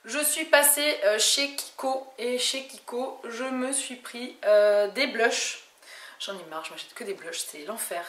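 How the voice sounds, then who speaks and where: A woman's voice: a little high, unhurried, a bit bright. Chatty French woman in an echoey room. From France. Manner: chatty, many hesitations and restarts. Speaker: beauty vlogger. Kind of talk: casual haul video chat. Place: home room. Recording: echoey room with faint noise.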